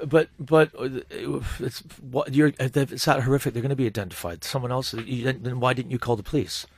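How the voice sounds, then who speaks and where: A man's voice: medium pitch, brisk, slightly rough. A man, a comedian, chatting casually as a guest, stopping and restarting his sentences often and laughing a lot. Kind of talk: casual podcast chat.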